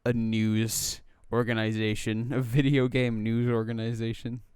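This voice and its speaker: A man's voice: medium pitch, level tone, unhurried, a little mellow, smooth, dry recording, clean studio sound. A young man co-hosting a casual podcast, rambling with lots of fillers and crude jokes. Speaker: podcast co-host. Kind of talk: casual chat.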